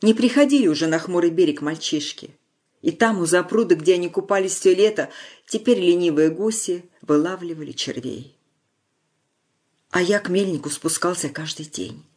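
Narrator: mid-pitched, measured storytelling, reads a war-era tale. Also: darkish tone. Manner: measured storytelling, slowing on solemn lines. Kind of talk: scripted narration.

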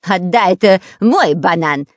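A reader voicing a touchy, boastful long-nosed male spy in a storybook reading, with a whiny, excitable manner. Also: medium pitch, normal speed, no room sound, clean studio sound, pitched above the performer's own voice. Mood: squabbling.

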